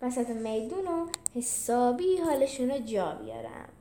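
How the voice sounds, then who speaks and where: A woman's voice: fairly high pitch, very animated, roomy sound, a little hiss or hum. A woman voicing a pompous, shrieking male Roman general in a storybook reading. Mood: menacing. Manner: shouting orders.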